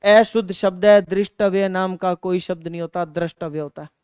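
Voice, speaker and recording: A male teacher gives an online exam-prep grammar lesson. His voice sounds smooth and resonant, with dry close-mic sound and no room echo. He poses questions, answers them himself, and repeats key words for emphasis. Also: high voice, fairly even intonation, a little fast, a little mellow.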